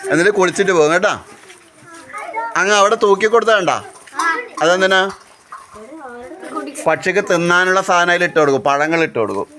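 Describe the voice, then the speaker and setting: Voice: medium pitch, a little fast, pauses often, fairly bright tone. A teacher on a school outing, quizzing a group of children and repeating questions to prompt answers. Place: outdoors at a house with children around. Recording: chatter of children behind.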